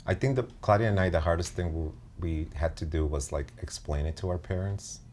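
Very deep-voiced calm man. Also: a little fast, a little hiss or hum. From Mexico, raised in the Midwest. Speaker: interviewee, co-parent. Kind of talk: casual interview. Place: living room, sitting in an armchair.

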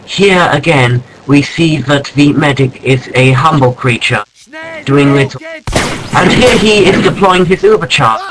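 A man narrating a mock nature documentary in a mock-serious, deadpan way, breaking into startled exclamations. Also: a little high, slight background noise, low-quality recording.

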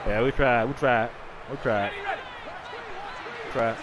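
A hyped man calls his own football video game plays as he streams, trash-talking his opponent and repeating himself. His voice sits at an ordinary middle pitch. Loud background noise runs under everything he says. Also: steady tone, takes it slowly. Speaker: gaming streamer. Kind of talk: live gameplay commentary.

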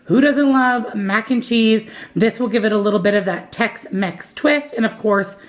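In a cheerful vlog, a working, married adult woman goes through the groceries she bought and her meal plan for the week. She speaks at a moderate pace in a slightly high voice. Upbeat and gushing, she leans on repetition like "love, love, love."

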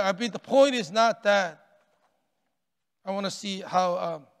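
High-voiced older pastor preaching in a hall. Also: male voice, smooth. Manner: animated preaching with wide arm gestures, rising and falling intensity; repeats and restarts phrases, drops to near-hush on key words. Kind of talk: sermon. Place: large church sanctuary, stage with pulpit. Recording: long reverb of a church hall.

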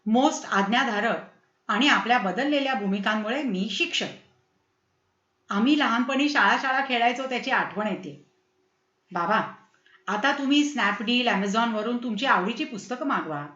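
A woman's voice: fairly high pitch, expressive, a little slow, a bit bright, reverberant, muffled recording. A woman voicing an eager, insistent young man who is teaching his parents, in a read-aloud story.

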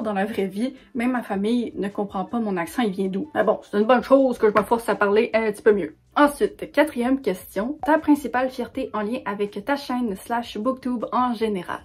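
A woman's voice: fairly high pitch, breathy edge. A young woman from Quebec with a Québécois French accent, chatting enthusiastically to camera as a book vlogger. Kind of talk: casual vlog talk to camera.

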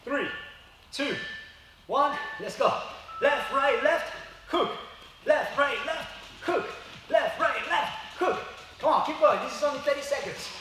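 A man's voice: very high-pitched, unhurried, long pauses, sharp tone, a little hiss or hum. A man coaching a kickboxing workout, exerting himself as he calls out punch combos like a boxing coach in short cues with punchy sound effects. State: exerting himself, breathy from exercise. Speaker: fitness kickboxing instructor. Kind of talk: workout class instruction, short shouted cues and encouragement. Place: large indoor martial arts studio. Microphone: far from the camera. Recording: echoey room, distant mic, music behind. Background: workout music.

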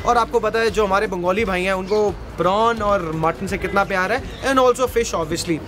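A man's voice: high voice, normal speed, music in the background. An Indian man in his thirties hosting a casual street food vlog with an enthusiastic, exclaiming manner, switching between Hindi and English. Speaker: food vlogger and host. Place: outdoors at a street food cart area.

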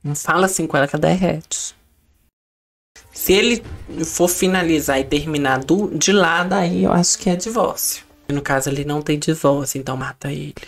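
A man's voice: fairly high pitch, a little fast. A man hosting a casual reaction video, talking in a dramatic, exclamatory and gossipy way. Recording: faint show music behind.

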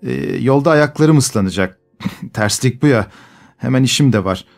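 A man voicing a pushy young coachman who wheedles and hesitates with a drawn-out "e" sound. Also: mid-range voice, lively intonation, gravelly, faint music behind. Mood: wheedling. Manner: nudging, starts lines with hesitant "e".

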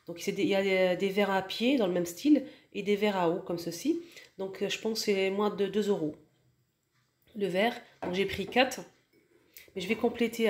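A woman's voice: medium pitch, roomy sound, slight background noise. Hesitant woman giving a home tour. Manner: hesitant, many fillers and restarts. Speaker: home decor vlogger. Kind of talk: casual voice-over room tour.

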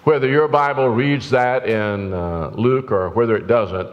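A man's voice: medium pitch, measured pace. An older man preaching a sermon from a church pulpit, earnest and rising to urgent exhortation. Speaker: pastor. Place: church sanctuary, indoors, at the pulpit. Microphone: pulpit mic from a far camera. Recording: roomy hall reverb, dull lo-fi sound.

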